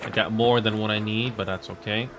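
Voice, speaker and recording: During a casual gaming live stream with background noise, a man speaks in a lowish, steady voice at a fairly quick clip. He was born in Finland, his first language is Finnish, and he rambles, repeats himself and mutters at the game.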